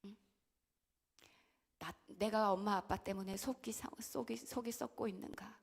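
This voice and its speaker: A young woman pastor delivers an impassioned church sermon. She rises into loud, emotional outbursts, then drops to hushed whispers. She keeps turning to her listeners with direct questions. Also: medium pitch, steady tone, a little slow, creaky, husky. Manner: asks the congregation questions directly.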